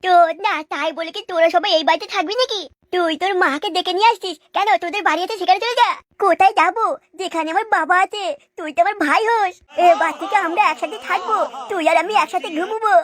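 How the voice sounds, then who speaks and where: A cheeky little boy, speaking in a very high, squeaky cartoon voice. He bickers and boasts in a comic sketch, trading threats with his brother. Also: fast, few pauses, fairly bright tone. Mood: bickering.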